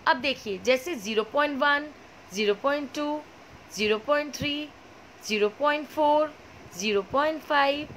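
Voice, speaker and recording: Woman, maths teacher, high voice, slow clear explaining, faint background noise. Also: fairly bright tone, poor audio. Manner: asks questions and answers them herself; slow, clear explaining with many checks like "okay?". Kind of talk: classroom lesson.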